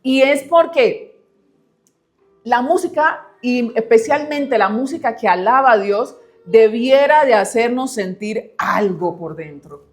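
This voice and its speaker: Woman, somewhat high voice, church speaker; chatty, laughing, talks straight to the congregation. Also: takes it slowly. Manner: chatty, laughs often, addresses the congregation as brothers. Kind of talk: church teaching talk.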